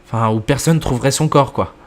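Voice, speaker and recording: Guy reading old lady curse expert, calm and grave, horror story reading, normal mid voice. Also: medium pitch, a little fast, close to an everyday voice. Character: elderly woman scholar of old curses.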